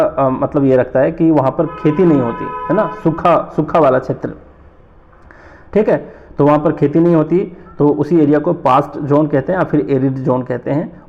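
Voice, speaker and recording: Man, exam tutor, gravelly, repeats terms, rhetorical questions, muffled lo-fi audio. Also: fairly high pitch. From North India. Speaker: teacher. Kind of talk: exam-prep lecture.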